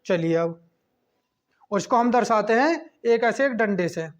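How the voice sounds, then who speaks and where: A man teaching a class lesson, checking in with a quick "okay" between points as he explains. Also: high voice, expressive. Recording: dull lo-fi recording.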